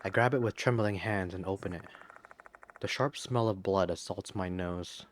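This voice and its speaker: A man playing a horror video game, reading the narration aloud in a low-key way with casual comments in between. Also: moderate pace, a little hiss or hum. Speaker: let's play gamer.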